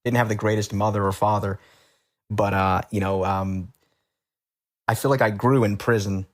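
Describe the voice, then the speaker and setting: A man from the Boston area, a guest on an interview show, telling his own story in a relaxed, rambling way with many fillers and restarts. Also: on the low side, normal speed. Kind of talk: casual storytelling.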